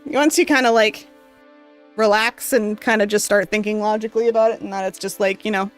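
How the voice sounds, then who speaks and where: A woman streamer with a medium-pitched, fairly even voice talks fairly quickly over faint music, reading a visual novel's narration aloud and chatting casually with viewers. Her voice is wearing out from all the reading and she coughs now and then, rambling along with plenty of fillers.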